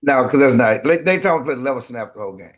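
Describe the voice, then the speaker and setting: A man's voice: mid-range voice, expressive, fast. A man hosting a casual sports debate, talking in an argumentative way with emphatic repetition. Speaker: sports show host.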